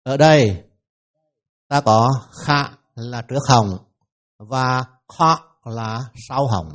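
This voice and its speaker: A mid-range male voice with a Vietnamese accent leads a pronunciation lesson in class. He works through the sounds one at a time, repeating each slowly for the students.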